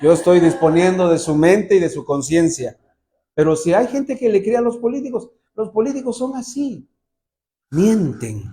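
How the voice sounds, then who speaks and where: A man's voice: high-pitched, moderate pace. A man with a Mexican Spanish accent preaching a sermon as pastor, telling stories and acting out the people he quotes. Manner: lively storytelling, voices quoted characters.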